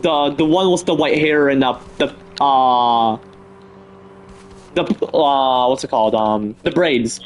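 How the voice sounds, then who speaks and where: A man's voice: medium pitch, takes it slowly, a little hiss or hum. A man hosting a live stream, chatting casually and rambling with lots of fillers and restarts. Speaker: stream host. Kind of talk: casual chat.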